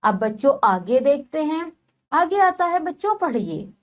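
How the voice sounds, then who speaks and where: A woman giving a slow, patient phonics lesson to young children, spelling words out syllable by syllable. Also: high voice, big pitch swings. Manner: repeatedly addresses the children. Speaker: teacher.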